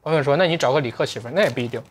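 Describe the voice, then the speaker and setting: A man talks casually to his livestream viewers, musing and joking at an ordinary middle pitch. At times he slips into slow, deliberate English. A faint hiss sits under his voice. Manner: reflective, joking, drifts into slow careful English. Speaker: livestream sales host.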